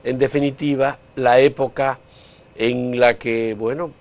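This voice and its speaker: A man's voice: mid-range voice, steady tone, unhurried. A man with a Dominican Caribbean Spanish accent, hosting a conversational interview. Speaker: interview host.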